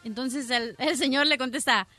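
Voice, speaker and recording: A woman co-hosting a radio comedy show, telling a joke in an unhurried, chatty way. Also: high-pitched, pushed and bright, dry recording, faint music behind. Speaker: radio co-host.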